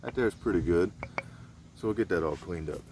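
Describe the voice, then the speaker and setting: A man demonstrating survival skills outdoors in a relaxed, rambling, folksy way. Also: sits low, brisk, slight background noise. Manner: laid-back, rambling, folksy. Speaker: survival vlogger. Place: outdoors in a rural area.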